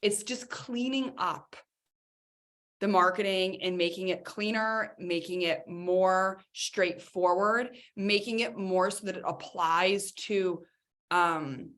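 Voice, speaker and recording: A woman co-hosting a podcast in casual chat, talking in an animated, chatty way with lots of fillers. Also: mid-range voice, takes it slowly. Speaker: podcast co-host.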